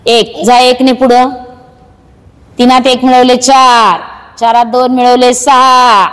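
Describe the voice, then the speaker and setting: A woman teaching young children a math game in a classroom, in a brisk way that coaxes them along. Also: fairly high pitch. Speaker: primary school teacher. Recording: echoey classroom reverb.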